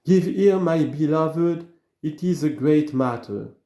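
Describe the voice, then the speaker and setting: A man giving a slow, earnest reading of an old sermon, full of rhetorical questions. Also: on the high side, mellow, reverberant. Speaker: reader of sermons.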